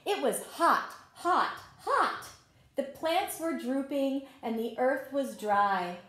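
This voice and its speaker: In a high voice and unhurried delivery, this woman teacher reads a picture book to young children. Lively and supportive, she keeps pausing to pose questions to her listeners, and the recording carries a roomy echo.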